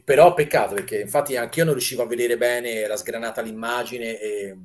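A man's voice: medium pitch, fairly quick. A talkative, enthusiastic man being interviewed as a fan film maker on a video call, often restarting his words. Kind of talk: casual live-stream interview.

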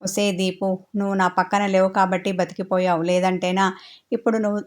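A woman voicing a young bride who snaps and scolds in a hushed voice, flat in pitch. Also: brisk, close to an everyday voice. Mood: snapping. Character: young bride, irritated and hurt.

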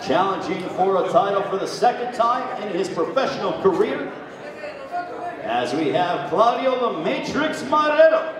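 A male ring announcer works a boxing event with a very high-pitched, showy delivery, stretching names like a lucha libre announcer. His amplified voice rings through a long, echoing hall with a clear crowd behind him. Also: very animated, a little slow. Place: large indoor hotel event room. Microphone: handheld microphone through PA.

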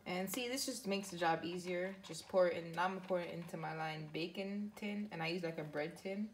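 Chatting offhand as she measures ingredients, a woman demonstrates a recipe in her home kitchen for her cooking vlog. She talks a little fast in a fairly low voice, over loud clattering dishes and utensils, with a slight hiss or hum.

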